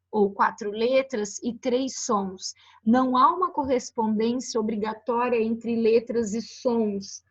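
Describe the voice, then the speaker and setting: A woman's voice: on the high side, fairly bright tone. A woman teacher with a Brazilian Portuguese accent giving a recorded lecture, explaining slides with frequent "né" and "ó". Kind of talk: recorded online lecture on phonetics.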